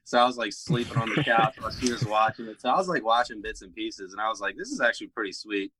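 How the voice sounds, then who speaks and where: A man's voice: fairly low pitch, fairly even intonation, fast, bright, forceful tone, husky, no room sound, poor audio. A man chatting on a podcast in a laid-back way, filling his talk with "like". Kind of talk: casual podcast chat.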